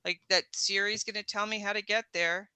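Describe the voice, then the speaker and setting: Bright, crisp voice in dry chat. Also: mid-range voice, fairly even intonation, a little fast, dry recording. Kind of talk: casual chat.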